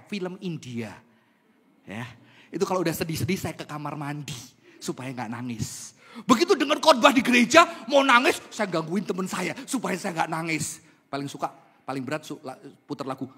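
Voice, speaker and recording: Animated Indonesian preacher in an echoing hall. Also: male voice, a little high, slightly rough. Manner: animated preaching, rising to emphatic peaks then dropping to soft storytelling. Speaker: pastor. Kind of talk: sermon. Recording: long hall reverb.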